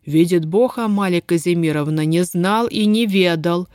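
The gruff, gloomy voice of an older village elder, as a woman reading a story puts him on. He speaks with held-in anger, in a dry, close reading. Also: fairly low pitch, moderate pace, darkish tone, no room sound, close to an everyday voice. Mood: grim. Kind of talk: audiobook character voice.

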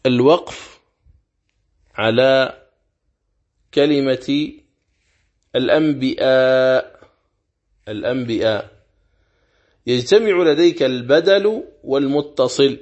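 A man teaching the rules of Quran recitation in a religious lesson, speaking slowly and deliberately and repeating key words. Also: medium pitch.

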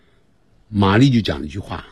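A low-voiced man with a husky, breathy tone runs a radio English lesson. He takes his time and explains each phrase, and his pitch rises and falls a lot. The studio sound is dry. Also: expressive, no room sound. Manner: explains slowly, mixing English and Chinese. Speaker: English teacher.

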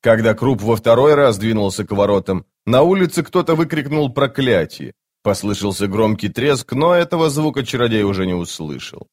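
A man narrating a fantasy audiobook in a measured, steady way. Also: medium pitch.

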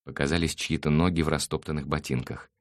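A man narrating an audiobook in a steady, even reading voice. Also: a bass voice, fast, no echo, studio quality.

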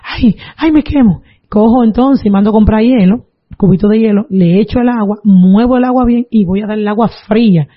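A woman's voice: medium pitch, fairly quick. A woman telling her religious testimony in an earnest storytelling manner, with preaching asides. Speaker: testimony giver. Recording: dull lo-fi recording.

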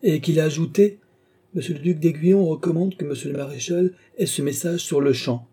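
A man's voice: on the high side, brisk, warm tone, husky, pitched above the performer's own voice. A man voicing a wary, deferential male secretary in an audiobook, teasing his master. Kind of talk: audiobook character reading.

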